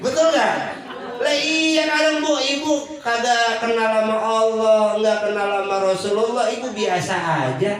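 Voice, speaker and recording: A man's voice: very high voice, steady tone, measured pace, a bit bright, a faint crowd. A man with a Betawi accent giving a humorous sermon to a women's gathering, joking and acting out quoted voices. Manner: jokey, acts out quoted voices. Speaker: preacher. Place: monthly religious gathering hall. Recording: very echoey hall, distant mic.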